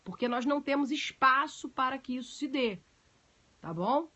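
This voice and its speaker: A woman's voice: high voice, expressive, normal speed, pushed and bright, dull audio. A woman teaching a class on a live stream, explaining at length and chatting with viewers between points, with many fillers. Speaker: teacher of budget law. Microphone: phone.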